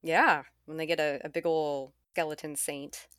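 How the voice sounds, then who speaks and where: Low-voiced, wry woman playing tabletop games. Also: little pitch movement, moderate pace, a bit bright, dry recording, studio quality. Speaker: tabletop game player. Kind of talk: casual game chat.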